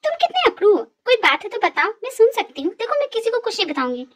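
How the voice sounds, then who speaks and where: A woman's voice: extremely high pitch, sing-song, fast, a bit bright, voice pushed up, exaggerated voice. Woman voicing a vain, teasing college girl. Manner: teasing, pushy and boastful. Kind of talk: fan dub drama voice acting.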